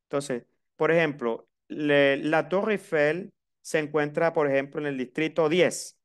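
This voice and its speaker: A man's voice: on the high side, measured pace, smooth. A man with a Colombian Caribbean coast accent teaching a class, switching between Spanish and French and repeating words patiently for his students.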